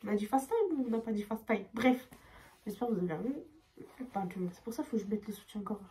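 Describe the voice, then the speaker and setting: A young woman telling a storytime vlog, tired, expressive and swearing as she acts out her dialogue. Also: mid-range voice, quick pace, noisy background. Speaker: vlogger.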